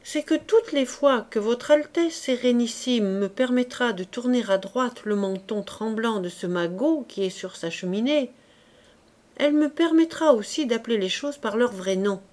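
A woman's voice: a little high, a little mellow, natural voice. Woman reading a cool, shrewd duchess. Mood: respectful. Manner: measured, cool and direct. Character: composed, shrewd duchess, a calm court lady. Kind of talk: audiobook reading.

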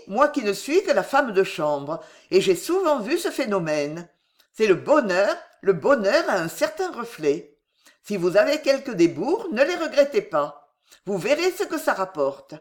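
Une femme qui joue une jeune femme de chambre rusée, volubile et enjôleuse, qui plaide avec aplomb. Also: female voice, medium pitch. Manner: voluble, wheedling, theatrical. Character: young cunning female chambermaid, glib and persuasive.

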